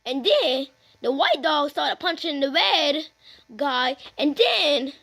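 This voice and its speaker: A woman's voice: high-pitched, big pitch swings, slow, noisy background, exaggerated voice. A woman voicing a chatty puppet frog who rambles through a made-up story. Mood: storytelling. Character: chatty tall-tale-telling puppet frog. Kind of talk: puppet comedy.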